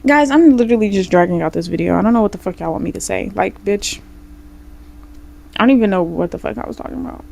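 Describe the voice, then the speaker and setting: A woman's voice: medium pitch, quick pace, creaky, darkish tone. A young woman talks casually to camera in a vlog, blunt, profane and full of sassy asides. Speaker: vlogger. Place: small home room.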